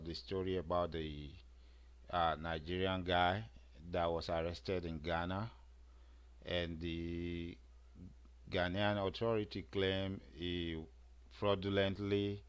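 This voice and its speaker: Slow, deep-voiced male show host. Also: clean tone. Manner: slow, filler-heavy, rising emphasis. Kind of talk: casual commentary.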